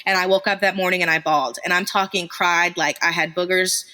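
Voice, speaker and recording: A woman's voice: lowish voice, steady tone, brisk, bright, forceful tone. A young woman guest telling her story in a candid, chatty, self-deprecating way, laughing often. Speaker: podcast guest, small business founder.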